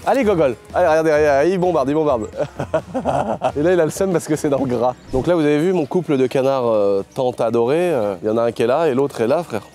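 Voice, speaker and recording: A man's voice: medium pitch, brisk, dark tone, soft background music. A man vlogging casually as he shows off his vehicles, slangy and joking with crude banter. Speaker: YouTuber showing his garage. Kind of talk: casual vlog.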